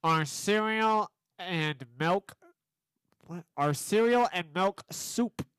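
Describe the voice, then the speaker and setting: A man doing a nasal, high-pitched quirky professor. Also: slow, fairly bright tone, smooth, no room sound. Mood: quizzing. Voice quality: nasal, held-nose voice. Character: nasal quirky male professor asking odd questions.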